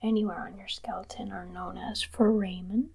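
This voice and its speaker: A woman doing a whispered role-play in ASMR style, guiding the listener gently in a breathy whisper. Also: medium pitch, fairly even intonation, normal speed. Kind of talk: whispered ASMR role-play, a soothing brain-cleaning session.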